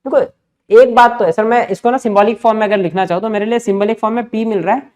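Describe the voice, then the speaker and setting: A man's voice: sits high, steady tone, fast talker, darkish tone. A male maths teacher teaching an exam-prep lesson. He explains step by step, often calls the students "kids" and mixes English terms into his speech.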